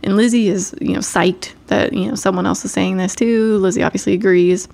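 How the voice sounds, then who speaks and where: A woman in casual chat, rambling through a recap with many fillers and quick laughs. Her voice sits at a middle pitch, and her pace wanders between slow and rushed. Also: fairly even intonation, vocal fry, a little mellow.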